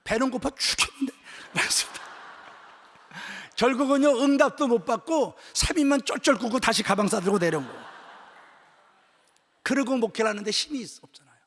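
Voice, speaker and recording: A male pastor preaching an emotional sermon at a church retreat. He tells a personal story, swinging from loud exclamations to hushed whispers. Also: extremely high pitch, fairly quick, pauses often. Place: church sanctuary. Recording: echoey church hall with long reverb.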